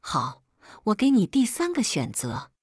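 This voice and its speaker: A woman's voice: mid-range voice, wildly swooping pitch, unhurried, a little mellow, slightly rough, no room sound, studio quality, voice pushed up, full character voice. A woman reading the lines of a fragile, manipulative young man who speaks in a tearful, wounded way.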